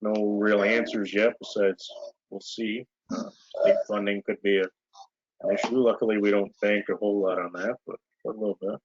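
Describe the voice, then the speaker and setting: New guy running a board meeting on a video call, lowish voice, dry muffled sound, rambly and laid back. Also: moderate pace, slightly rough, no echo. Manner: relaxed, rambling with many fillers. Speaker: village mayor chairing board meeting. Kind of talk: casual meeting talk.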